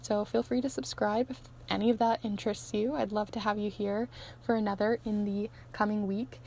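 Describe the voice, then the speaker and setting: A woman who is losing her voice gives an easygoing, chatty tarot reading to her viewers, with soft laughs between phrases. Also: mid-range voice, flat delivery, normal speed, vocal fry, slight background noise. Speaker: tarot reader and channel host. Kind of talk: pick-a-card tarot reading to camera.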